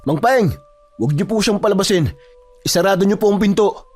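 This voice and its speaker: A man's voice: high-pitched, brisk, a little mellow, soft background music. A man playing a distraught young man desperate to save his father, talking urgently and confronting others. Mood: tense.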